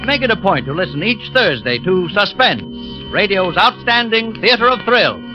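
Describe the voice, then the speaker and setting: A man's voice: sits high, sing-song, normal speed. A man announcing programmes in a formal, dramatic 1940s radio style. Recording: dull vintage radio broadcast, music behind.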